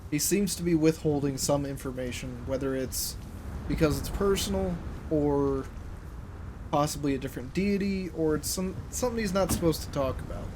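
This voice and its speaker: A man's voice: fairly high pitch, normal speed. A man running a tabletop game as game master, narrating loosely and casually. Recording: noticeable background hiss.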